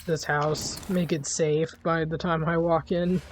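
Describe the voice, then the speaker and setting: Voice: medium pitch, flat delivery, a little slow, soft background music. A streamer giving casual, jokey commentary while playing a game, easygoing and laughing often.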